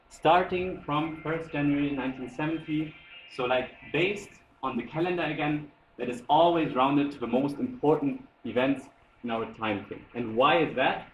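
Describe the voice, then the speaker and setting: A man's voice: mid-range voice, poor audio. Man giving an informal tech talk, faint noise. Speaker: software developer presenting at a tech meetup. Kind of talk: informal lightning talk with live demo.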